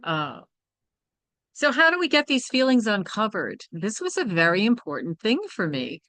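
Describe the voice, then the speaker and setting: With a medium-pitched, sing-song, fairly bright voice at a moderate pace, a woman presents a workshop without any echo. Her personal teaching talk is reflective and candid, full of "right?" and "you know" as she checks in.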